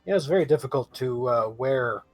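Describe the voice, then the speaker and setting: A man playing a tabletop game, talking in a laid-back, crude, deliberate way. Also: mid-range voice, animated, a little mellow, soft background music. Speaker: player. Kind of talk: casual banter at a game table. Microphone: headphones with mic over voice chat.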